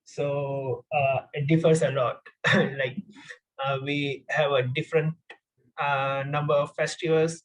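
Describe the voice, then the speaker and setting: A young man from India speaks as a podcast guest, answering in a relaxed, halting way. His voice sits slightly high for a man, and he fills pauses with uhs and restarts. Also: rough recording. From India, Gujarat. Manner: hesitant, many fillers and restarts, laughs while talking. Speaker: podcast guest, software engineer. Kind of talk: casual interview answers.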